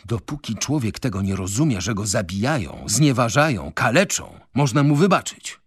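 A man's voice: lowish voice, very animated, normal speed, slightly rough, no echo, studio quality. A man reading a novel on radio, voicing a fiery, defiant young male revolutionary. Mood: fervent. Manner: fervent, declamatory.

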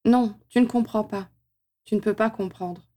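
A woman's voice: mid-range voice, fairly even intonation, warm tone, close to an everyday voice. A woman voicing a hesitant young woman. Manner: hesitant, halting.

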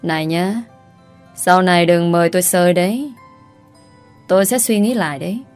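A woman's voice: on the low side, normal speed, a little mellow, faint music behind, lightly acted. A woman voicing a crude, curt young man who mocks and teases. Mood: teasing. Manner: curt, mocking.

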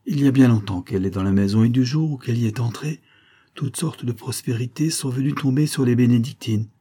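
A man's voice: mid-range voice, a little fast, warm tone, slightly rough, lightly acted. A man voicing a chatty older village innkeeper who confides local gossip. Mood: gossipy.

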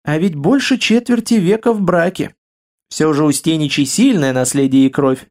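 A man narrating an audiobook in a steady, measured reading voice. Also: a little high.

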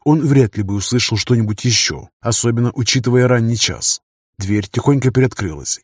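A man reading a first-person audiobook in an even, measured storytelling manner. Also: medium pitch, breathy edge, no echo, studio quality. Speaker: audiobook reader.

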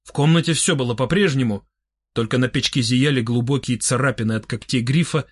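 A man narrating a first-person audiobook in an expressive, dry-humored manner. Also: medium pitch, a little fast, husky, no echo.

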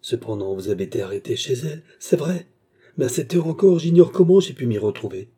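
A man's voice: medium pitch, animated, a little fast, warm tone, husky, pitched above the performer's own voice. A man voicing an earnest young accused clerk who pleads his innocence, in an audiobook. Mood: indignant.

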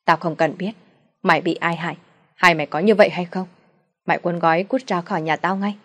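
Woman doing a drunken father, furious, shouting, fast, slightly low voice. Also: steady tone. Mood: raging. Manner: shouting insults, fast and loud. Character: drunken abusive middle-aged father, raging.

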